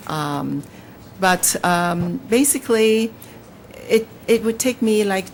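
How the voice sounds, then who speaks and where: The audio is poor, with a little hiss or hum, carrying a medium-pitched female voice. A Hong Kong novelist whose first language is Cantonese, she reads from her book in a lively way, then answers interview questions measuredly but with hesitation and fillers.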